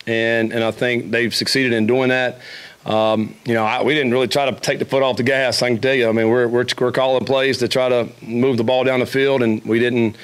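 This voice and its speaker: Quick, level-toned answers from a middle-aged man speaking into a table microphone at a press conference. He talks in a steady, even pitch and keeps circling back with fillers and restarts as he breaks down a game. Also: smooth. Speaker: head football coach. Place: press conference room with a logo backdrop.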